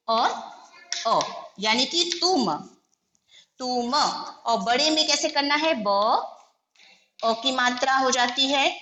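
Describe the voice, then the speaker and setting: Patiently explaining, a woman teacher separates every word into its letters and vowel signs one at a time. Her voice sits high and bright with a forceful tone, recorded in an echoey space with faint background noise.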